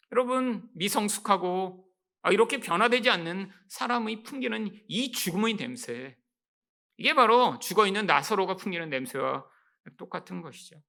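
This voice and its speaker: Male preacher mid-sermon: animated, gravelly, bright voice, keeps calling out to the congregation. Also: high voice. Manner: emphatic, rhetorical questions, repeats "여러분". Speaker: pastor. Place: church sanctuary.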